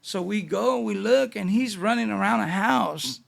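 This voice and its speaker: A man with a Los Angeles Chicano accent spins slangy street stories in a loose interview. His voice sits high and carries a heavy gravelly fry, and he slips into the voices of the people he quotes. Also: measured pace. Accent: Los Angeles Chicano English. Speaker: guest. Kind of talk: casual storytelling interview.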